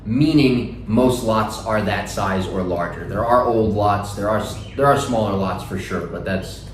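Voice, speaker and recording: A man with a fairly low voice hosts a casual interview, restating and clarifying as he goes. The recording is roomy, with clear noise behind him. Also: unhurried. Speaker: interviewer and host.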